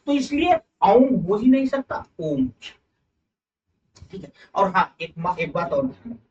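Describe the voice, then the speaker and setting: A man's voice: sits high, animated, a little fast, slight background noise. A male teacher running a live online exam-prep class, calling his students "beta" and repeating key points. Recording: distant, dull online class audio.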